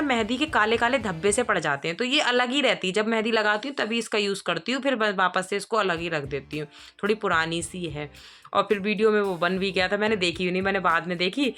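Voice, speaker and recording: A woman's voice: mid-range voice, fairly bright tone. A woman, a mother of two, talking through her day in a casual voice-over, chatty and rambling, with many fillers and restarts. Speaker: vlogger.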